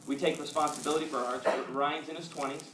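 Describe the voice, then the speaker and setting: A man's voice: a little high, fast talker. Man preaching in an echoey hall. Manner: animated storytelling, acts out quotes. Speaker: pastor. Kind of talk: sermon with personal stories. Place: church sanctuary. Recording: echoey hall, mic at a distance, audience noise.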